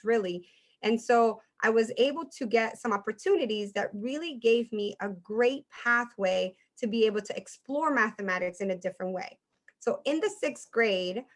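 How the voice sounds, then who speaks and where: A woman in her thirties, born in Colombia with Spanish as her first language, giving an earnest personal talk to teens as a math professor and often checking in with "right?". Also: a little high. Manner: earnest, warm storytelling with frequent "right?" tags. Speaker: guest speaker, math professor.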